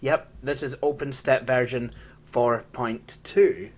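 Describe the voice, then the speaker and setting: A man's voice: medium pitch, fairly even intonation, takes it slowly. A Scottish man casually walking through an old operating system, rambling and poking fun at himself, laughing often. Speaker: tech channel host. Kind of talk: casual hands-on software walkthrough.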